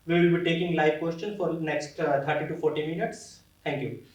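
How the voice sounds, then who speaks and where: A man with a fairly high voice introduces the panel in a steady, plain way with a few fillers. He sounds far off in a roomy space. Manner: measured announcement with fillers. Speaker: panel host. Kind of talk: casual panel discussion. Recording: echoey room, distant mic.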